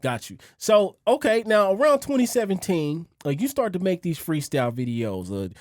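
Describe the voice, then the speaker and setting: A man with a Los Angeles accent hosting a podcast interview, slangy and hyped, with quick repeated reactions. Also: high-pitched, big pitch swings, darkish tone. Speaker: podcast host. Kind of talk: casual interview chat.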